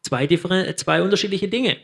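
A man's voice: high voice, lively intonation, a little fast, creaky, fairly bright tone. A man interpreting a sermon line by line, mirroring the preacher's delivery with some hesitations and self-corrections.

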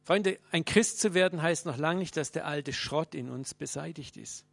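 A man delivers an earnest sermon, talking straight to his listeners and dropping from loud to hushed. His voice sits fairly high and has a gravelly edge. The recording is close and dry. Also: normal speed, no echo, faint music behind. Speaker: preacher.

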